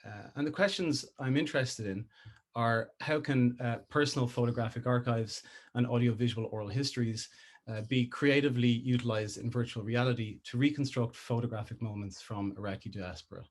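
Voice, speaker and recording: A man from Ireland gives an academic talk over a video call. His voice sits at an ordinary middle pitch. He pauses often and fills the gaps with "uh" and "um". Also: fairly even intonation. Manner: hesitant, many filler sounds. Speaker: PhD researcher presenting. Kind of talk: academic conference presentation.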